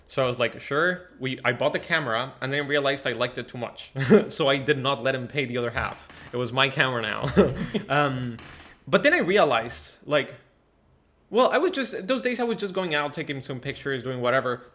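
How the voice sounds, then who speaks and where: A man's voice: medium pitch, normal speed. Young man from Ecuador, chatty guest. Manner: relaxed, chatty, frequent fillers and repeats. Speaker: guest musician. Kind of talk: casual interview talk.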